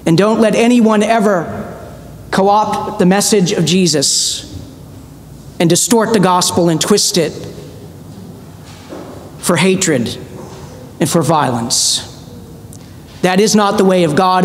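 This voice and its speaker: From the pulpit, a middle-aged priest preaches earnestly and with measure, leaning slowly into important words. His voice rings through a reverberant church over a faint rumble.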